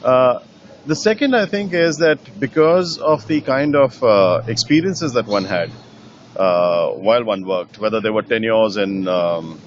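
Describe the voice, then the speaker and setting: A middle-aged painter from Nepal, answering interview questions in a thoughtful way, with many fillers and restarts. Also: male voice, lowish voice, lively intonation, measured pace, highs cut off, a little hiss or hum. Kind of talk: conversational interview.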